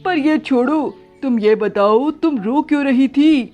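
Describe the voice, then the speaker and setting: A woman voicing a kind male magic watermelon who speaks in a gentle, reassuring way. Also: high voice, unhurried, soft background music.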